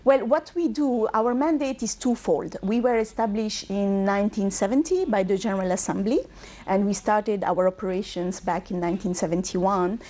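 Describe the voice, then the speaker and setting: A UN regional manager, a woman born in Bangladesh and raised in Belgium, answers interview questions fluently though with frequent ums and uhs. Her mid-range voice has a dark tone and a moderate pace.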